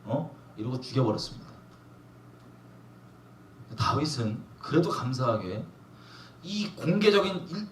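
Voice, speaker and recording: A man delivers a sermon with emphasis, often asking the congregation questions. His voice sits a little high and swings widely in pitch. He is heard from across a roomy, echoing church hall with faint ambience behind him. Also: a little hiss or hum. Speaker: pastor. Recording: echoey room from a distance.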